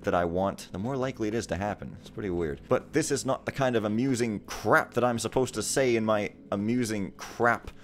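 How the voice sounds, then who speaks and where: A young man doing let's play commentary talks fairly quickly in a fairly low voice, barely pausing. His rambling, wry, casual remarks run over the game he's playing, and sometimes he dramatically reads the game text aloud.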